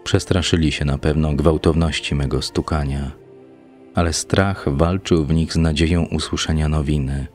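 Male audiobook narrator, extremely deep voice, steady measured literary reading, soft music underneath. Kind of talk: scripted first-person literary narration.

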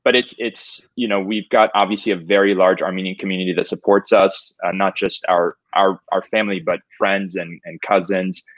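A man with a very low voice answers questions on a video call, pausing and restarting often. His sound is dry and a little muffled. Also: steady tone, a bit bright, dry recording. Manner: hesitant, many fillers and restarts. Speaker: barbecue restaurant owner guest. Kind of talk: casual video-call chat.

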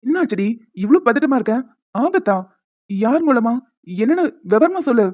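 A woman's voice: on the high side, animated, moderate pace, dull audio. A woman voicing a teasing young fiancé in a cartoon. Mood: reassuring. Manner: playful, coaxing, reassuring. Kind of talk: animated cartoon dialogue.

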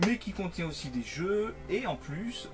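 A man's voice: high-pitched, big pitch swings, moderate pace, over music. A man, chatting casually to camera as a teasing, talkative storyteller. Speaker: co-host of a video game collecting vlog. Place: small game-collection room indoors.

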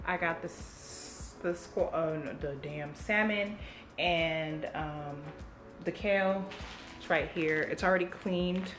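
A woman's voice: lowish voice, takes it slowly, echoey room, faint music behind. A woman in her thirties chatting casually to viewers as she cooks in her home kitchen, recorded close on a camera mic. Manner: chatty and informal, talks straight to viewers. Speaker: cooking vlogger. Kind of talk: casual cook-with-me chat. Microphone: camera mic close up, handheld or on counter.

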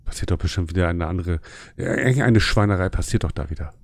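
A man's voice: deep voice, fast talker, gravelly. A man casually commenting on a horror game during a live stream, joking and chatting with his viewers.

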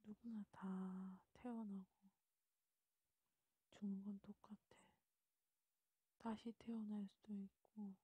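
A woman voicing a calm, reassuring Grim Reaper who guides a soul, in a breathy whispered role-play. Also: mid-range voice, no echo. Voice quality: breathy, unvoiced. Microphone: close mic, dry.

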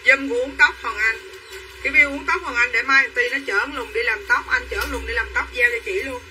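A woman's voice: a little high, a little fast, far from the mic. A woman selling clothes on a livestream, chattering in a repetitive hard-sell patter and calling buyers by name. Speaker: online clothing seller. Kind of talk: livestream sales pitch. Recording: voice a bit off-mic with faint room noise.

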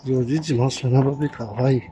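A man narrating a casual walking tour outdoors on a phone, talking in slow, halting bits with many pauses. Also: mid-range voice, steady tone, background noise. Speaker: vlogger giving a walking tour. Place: outdoors on a seaside road. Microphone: handheld phone camera, speaker off screen.

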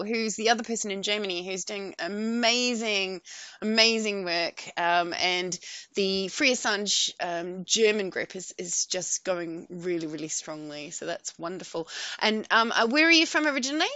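Woman, thirties, New Zealand accent, host of a home video call; bright tone, dry headset sound, chatty and eager. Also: medium pitch, moderate pace, dry recording. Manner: chatty, enthusiastic, many fillers. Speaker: host of an online campaign meeting. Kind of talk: casual video-call chat. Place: room at home.

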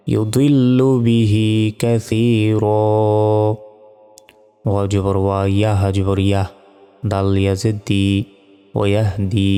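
A man's voice: lowish voice, mellow, clear, resonant tone. A man teaching Quran reading with a Bangladeshi Bengali accent, spelling out each letter and vowel mark syllable by syllable before chanting the words. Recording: reverberant hall sound with faint music.

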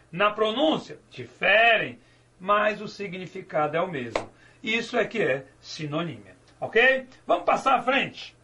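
A man's voice: high voice, pushed and bright. A male teacher giving a grammar lecture, asking and answering his own questions and drawing out key words. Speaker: Portuguese teacher.

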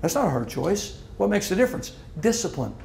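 A man's voice: sits high, sing-song, brisk, vocal fry, a little mellow, echoey room, slight background noise. A middle-aged man preaching a sermon as pastor, emphatic and repeating his key lines. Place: church hall.

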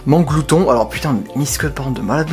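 A man's voice: mid-range voice, brisk. Young french guy opening cards, chatty w viewers, gets super hyped, music playing behind. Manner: excitable, bursts into loud exclamations over cards; chatty, addresses viewers as buddies. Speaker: card-opening video host. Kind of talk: casual card-opening commentary.

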